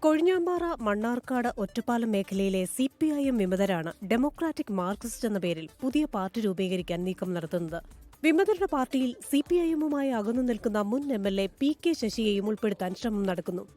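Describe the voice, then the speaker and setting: A woman reporter reading a scripted news voice-over in a measured, formal way. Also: on the high side, lively intonation, dark tone, soft background music.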